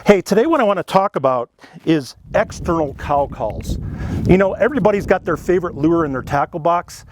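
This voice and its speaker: A man's voice: a little high, animated, fairly quick, slight background noise. A middle-aged man giving a casual, folksy lesson, explaining things step by step with friendly asides. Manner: folksy, earnest, explains step by step with "you know" and "okay". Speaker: elk calling instructor. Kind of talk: casual instructional demonstration.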